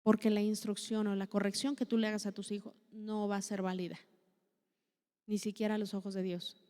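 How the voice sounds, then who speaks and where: A woman's voice: medium pitch, flat delivery, brisk, warm tone. A woman with a Mexican accent preaches to a women's meeting in a chatty, conversational way. She poses question after question in a mid-range voice. Her words ring out in a church hall with a long reverb. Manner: chatty, asks many rhetorical questions. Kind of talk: conversational sermon.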